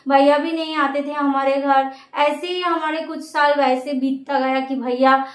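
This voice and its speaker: A woman vlogger telling a family story in a casual, rambling way, with many pauses and restarts. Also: high-pitched, steady tone. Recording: echoey room.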